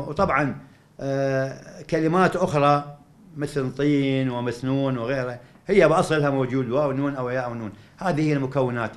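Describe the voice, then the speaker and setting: A male university professor with an Iraqi Arabic accent giving a lecture. He explains step by step, often asking and answering his own questions, and recites verses slowly. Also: medium pitch. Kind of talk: academic lecture at a cultural evening.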